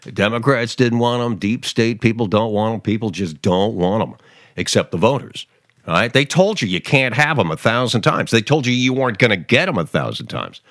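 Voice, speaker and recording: Deep-voiced sarcastic male podcast host. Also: expressive, brisk, a bit bright, no echo, clean studio sound. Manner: rambling, sarcastic, lots of fillers and restarts. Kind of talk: opinionated talk podcast monologue.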